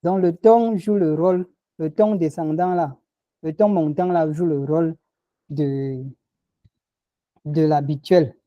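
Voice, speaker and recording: A man's voice: on the high side, slow, pauses often, dark tone, dry recording, highs cut off. A man teaching a lesson, patiently explaining tones and repeating example words. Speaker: language teacher.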